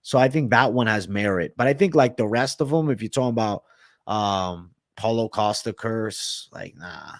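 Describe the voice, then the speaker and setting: A man's voice: on the low side, moderate pace, no room sound, clean studio sound. A man hosting a casual livestream Q&A, reading viewer comments and talking bluntly with some swearing. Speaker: livestream host.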